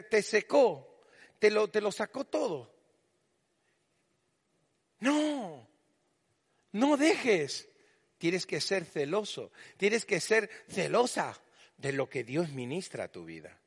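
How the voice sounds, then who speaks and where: Animated preacher, high and bright. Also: male voice, gravelly, husky. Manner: animated, acts out quoted voices. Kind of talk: sermon. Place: church hall. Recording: long reverb in a church hall.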